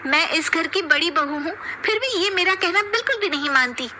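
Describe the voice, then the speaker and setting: A woman's voice: very high-pitched, animated, moderate pace, pushed and bright, a little hiss or hum, pitched above the performer's own voice, exaggerated voice. A woman voicing a haughty eldest daughter-in-law in a cartoon story. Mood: protesting.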